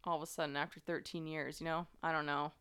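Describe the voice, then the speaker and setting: Woman podcast host, lowish clear voice, chatty true-crime retelling. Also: flat delivery, quick pace, fairly bright tone. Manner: conversational, many fillers, earnest. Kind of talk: casual true-crime storytelling.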